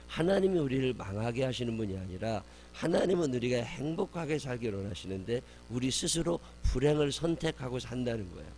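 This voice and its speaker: A man's voice: mid-range voice, a little mellow, slight background noise. A man pastor giving a sermon, posing rhetorical questions and answering them with emphatic repetition. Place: church.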